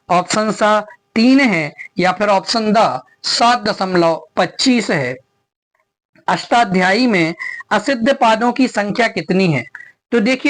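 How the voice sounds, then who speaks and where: Male tutor with a high voice, walking through quiz answers and repeating each question. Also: fairly bright tone. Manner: repeats each question, asks rhetorical checks like "ठीक है ना". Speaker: Sanskrit exam tutor. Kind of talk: quiz lesson explaining answers.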